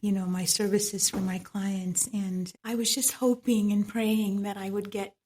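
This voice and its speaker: A woman's voice: mid-range voice, little pitch movement, a little slow, darkish tone. A woman from Trinidad with a Trinidadian accent, speaking as a guest on a podcast, reflective and often laughing. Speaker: guest, medical esthetician. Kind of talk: podcast interview.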